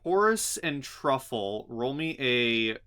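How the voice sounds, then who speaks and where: A man running a tabletop fantasy game as game master, narrating in a halting way as he thinks aloud. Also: medium pitch, very animated, noisy background.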